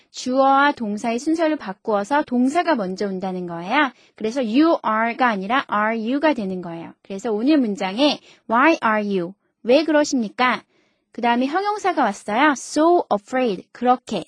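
A woman hosting a scripted radio language lesson, explaining patiently and reading example sentences slowly. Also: fairly high pitch, dry recording. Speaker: radio English teacher and host.

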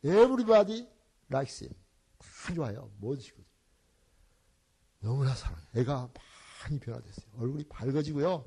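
An older man, a church elder, giving a parenting seminar and telling family stories with animated, acted-out scenes and English phrases mixed in. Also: medium pitch, moderate pace, creaky, pauses often, slightly rough. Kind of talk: seminar talk with storytelling.

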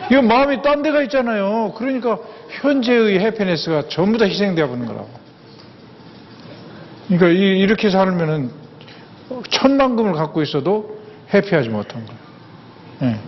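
A man's voice: high-pitched, animated, moderate pace, long pauses, a little hiss or hum. An older man giving a humorous lecture, folksy and anecdotal, repeating words for emphasis. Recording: echoey hall, dull sound, faint ambience.

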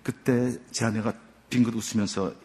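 An older man, a church elder, gives a heartfelt testimony, telling his story earnestly with many pauses. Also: medium pitch, steady tone, darkish tone. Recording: long hall reverb.

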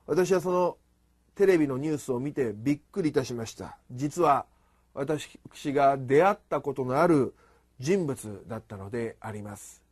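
A middle-aged man preaching a sermon in a formal, measured way, rising for emphasis. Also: mid-range voice, lively intonation, darkish tone, husky, no room sound. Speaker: pastor.

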